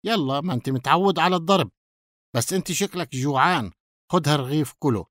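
A man voicing a gruff, burly middle-aged male baker in an audiobook, speaking with a Palestinian Arabic accent in a blunt, bossy, mocking way. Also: fairly high pitch, lively intonation, fast, fairly bright tone, no room sound. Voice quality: coarse, dry voice. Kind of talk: audiobook character dialogue.

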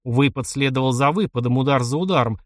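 A man narrating an adventure novel in an even storytelling voice. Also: medium pitch, fast talker, no room sound, clean studio sound. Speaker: audiobook narrator. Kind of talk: scripted narration.

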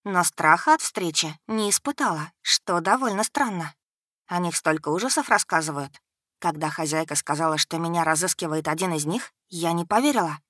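A woman's voice: fairly low pitch, moderate pace, dry recording. Woman reading an audiobook, close and dry. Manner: expressive, steady storytelling. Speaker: audiobook narrator. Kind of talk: first-person audiobook narration.

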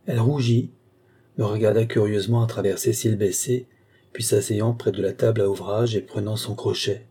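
Husky low-voiced male narrator. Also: fairly even intonation, moderate pace, mellow. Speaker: audiobook reader. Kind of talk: literary narration.

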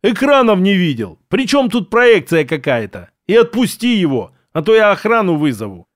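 A stern, bossy middle-aged boss barks and scolds in a raised, fairly high voice. A man puts him on while reading a story aloud. The recording is dry and close. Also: lively intonation, normal speed, no room sound. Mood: angry. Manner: barking, bossy.

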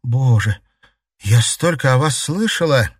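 A man voicing a lively young woman heroine in an audiobook. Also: medium pitch, a little slow, breathy edge, no echo, clean studio sound, pitched above the performer's own voice. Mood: eager.

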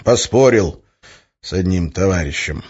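A man's voice: sits low, lively intonation, measured pace, a little mellow, breathy edge, exaggerated voice. A man playing a weary, fed-up magician. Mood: curt. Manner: curt, grumbling, flaring into outbursts. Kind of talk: audiobook character voice. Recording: slightly muffled lo-fi recording.

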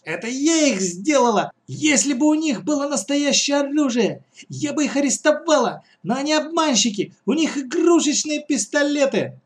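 Man doing a shrill, feisty little girl. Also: expressive, unhurried, few pauses, a little mellow. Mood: boastful.

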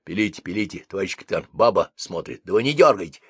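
A wily, chatty police sergeant, put on by a male storyteller. He talks in lively swings of pitch and turns bossy. The sound is dry and close. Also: fast, breathy edge, no echo, full character voice. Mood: sly.

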